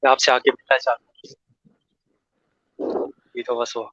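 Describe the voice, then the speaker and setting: Guy from pakistan calling in, bad connection keeps cutting out, flat monotone, muffled and far off. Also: mid-range voice, no room sound. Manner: halting, broken phrases. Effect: choppy, cutting-out internet call audio. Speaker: caller. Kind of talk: call-in chat on a live stream. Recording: muffled, distant online call line.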